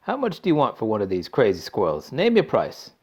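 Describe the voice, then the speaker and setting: A man's voice: fairly low pitch, wildly swooping pitch, fairly quick, a little mellow, husky, lo-fi sound, full character voice. A man doing a pompous rich father. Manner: important, blustering. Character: pompous wealthy father with wallet.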